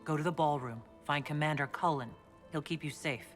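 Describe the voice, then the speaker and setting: An actor playing a composed, decisive fantasy leader in a video game, with a cool, direct manner. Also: male voice, on the high side, a little fast, fairly bright tone, faint music behind, natural voice. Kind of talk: video game cutscene acting.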